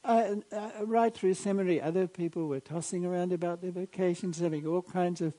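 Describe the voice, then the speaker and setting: Measured older priest with a mellow voice. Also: male voice, high voice, fairly even intonation. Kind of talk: Gospel reading and homily.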